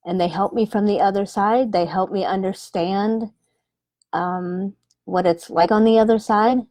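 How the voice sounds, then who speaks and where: A woman in her forties, a medium on a live stream, speaking gently with many pauses and ums. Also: mid-range voice, steady tone, no echo, studio quality. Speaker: animal communicator and medium. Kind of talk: live-stream chat with viewers. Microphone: webcam or phone livestream.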